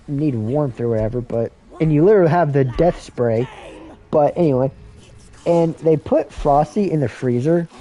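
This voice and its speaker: A man with a fairly high, warm voice streams a game while rambling through a casual, profanity-filled rant. His talk is loose running commentary as he plays, full of swearing.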